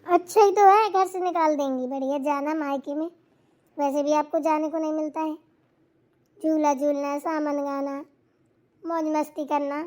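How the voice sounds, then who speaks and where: A woman's voice: high-pitched, steady tone, a little mellow, lightly acted. A woman voicing a bossy, meddling young sister-in-law in a cartoon, giving orders and advice. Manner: quick, bossy, advising. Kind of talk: cartoon voice acting.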